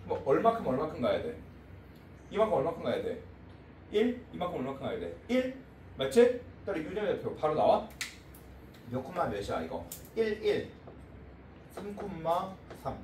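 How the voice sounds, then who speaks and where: A man teaching a math class in a brisk lecture, working through a problem and checking in with the students often. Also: on the high side, wildly swooping pitch, a little mellow, slight background noise. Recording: echoey room, heard from a distance.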